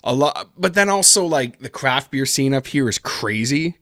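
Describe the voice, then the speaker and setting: This horror story writer from Canada sounds animated, with a bright, forceful medium-pitched voice at a normal speed. Studio-quality audio, no room sound. Guesting in a casual podcast interview, he rambles heavily on fillers such as "like" and "kinda".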